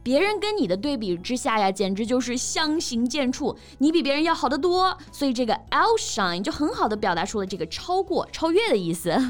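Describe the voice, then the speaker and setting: A woman's voice: high voice, big pitch swings, fairly quick, few pauses. A woman co-hosting a podcast lesson, giving example sentences and pointing out pronunciation in a bilingual teaching chat. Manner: explanatory, stresses pronunciation and gives example sentences. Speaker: podcast co-host and English teacher.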